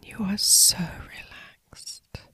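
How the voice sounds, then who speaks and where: A woman narrating a scripted sleep story as a guided meditation, in a breathy, hushed, soothing whisper. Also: drawn-out words, no echo.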